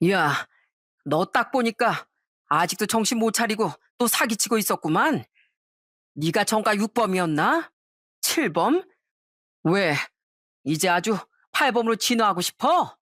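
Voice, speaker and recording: A woman's voice: mid-range voice, expressive, a little slow, long pauses, fairly bright tone, no room sound, clean studio sound. A woman voicing an older retired male detective who taunts and interrogates a former con man. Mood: mocking scolding.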